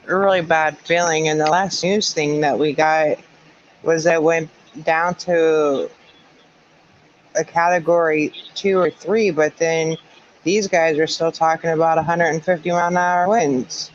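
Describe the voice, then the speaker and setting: A man chats casually in a fairly high voice with little pitch movement. The sound is dull, with faint noise. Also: steady tone, unhurried. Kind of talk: casual chat.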